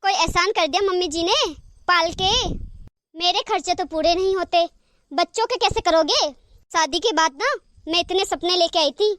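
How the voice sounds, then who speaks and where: A woman's voice: very high voice, normal speed, a bit bright. A woman voicing a demanding young wife in a cartoon, who nags and talks back. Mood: petulant. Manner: nagging, petulant. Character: demanding young wife, sharp-tongued then remorseful. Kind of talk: cartoon voice acting.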